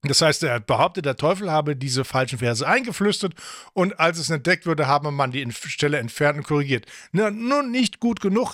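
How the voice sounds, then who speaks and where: A man's voice: fairly high pitch, fairly bright tone, no room sound, clean studio sound. A man hosting a talk show, explaining a book in a joking, rambling way with many self-corrections. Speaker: host. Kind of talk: casual talk show discussion.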